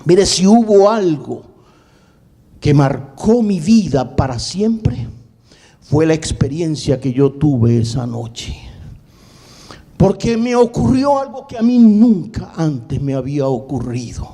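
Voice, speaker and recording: A male pastor preaching, with a high voice and a mellow, dark tone. He tells his story dramatically, repeating words for emphasis and swinging between quick bursts and slow, drawn-out phrases. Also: sing-song. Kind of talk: sermon testimony.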